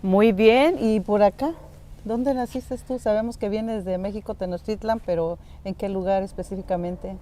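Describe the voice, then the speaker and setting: Woman, podcast host, mellow tone, easy pace, fillers. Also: medium pitch, steady tone, slight background noise. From San Juan Mixtepec, Oaxaca, Mexico. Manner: warm, unhurried, with fillers like "este" and "pues". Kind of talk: community podcast interview.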